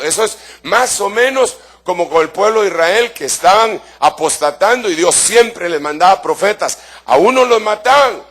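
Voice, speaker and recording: A male pastor preaching a sermon with fervor. He addresses the congregation as brother and asks rhetorical questions. He swings between soft asides and shouted emphasis. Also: sits high.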